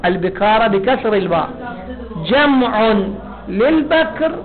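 A man's voice: sits high, animated. A man with an Iraqi Arabic accent giving a seminary lecture on a legal text, putting questions to the class, answering them himself, and stretching out key words. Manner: drawn-out stress on key words. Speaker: religious law teacher. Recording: tinny phone-like lecture recording.

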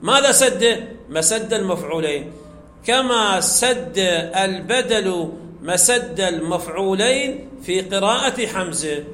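A man teaching a grammar lesson, speaking slowly and deliberately, repeating key words and chanting the verses he quotes. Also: high-pitched, expressive, bright, forceful tone. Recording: echoey room with faint background hum.

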